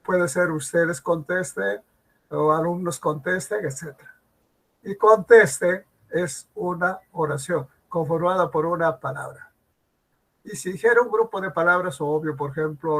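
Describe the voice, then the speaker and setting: Gravelly, fairly high-voiced man, an online class teacher who keeps quizzing students. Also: a bit bright, rough recording. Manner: asks students questions, repeats examples slowly. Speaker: language teacher.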